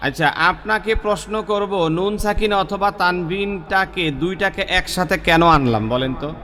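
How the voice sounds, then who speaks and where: A man's voice: sits high, normal speed, sharp tone, big-room sound. A man teaching a tajweed class online, repeating examples and addressing his students directly. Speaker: Quran recitation teacher.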